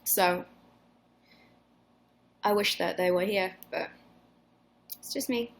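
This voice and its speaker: Taking it slowly, a woman with a steady-toned, mid-range voice talks with fans on a casual livestream. She's a twenty-something singer with a mixed Northern English accent hosting a live Q&A, rambling, swearing and often starting over.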